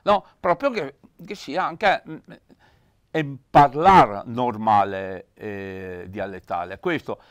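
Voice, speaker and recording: A man's voice: mid-range voice, takes it slowly, no room sound, dull audio. A man in bantering TV chat, arguing and teasing, repeating his points. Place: local TV studio.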